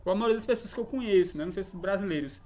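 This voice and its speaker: A man's voice: sits high, rapid-fire, a little mellow. A man with a Brazilian Portuguese accent giving an improvised, hesitant commentary on a book, explaining poetic meter with frequent tag questions.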